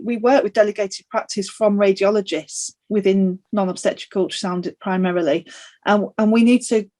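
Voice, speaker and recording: Earnest woman panelist, mid-pitched, emphatic and plain, on a video call. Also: warm tone. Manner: earnest, emphatic, some restarts. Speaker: sonographer panelist. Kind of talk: panel debate answer.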